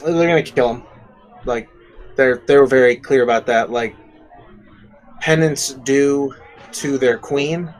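A man's voice: medium pitch, measured pace, long pauses, faint music behind, lightly acted. A man voicing a nervous captured informant in a tabletop game, stammering and eager to please. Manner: stammering, anxious, pleading.

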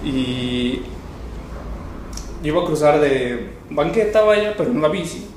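Young Mexican man, slangy storyteller, higher voice, echoey room with faint ambience. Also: lively intonation, a little slow, darkish tone, slight background noise. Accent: Mexican Spanish. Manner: slangy storytelling, laughs often, acts out quotes. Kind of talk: casual podcast chat.

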